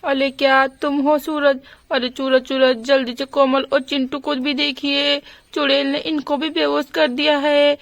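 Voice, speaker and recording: A woman voicing a frightened village sister-in-law in a doll storybook, with high, panicked cries. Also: level tone, unhurried, dry recording. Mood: anxious.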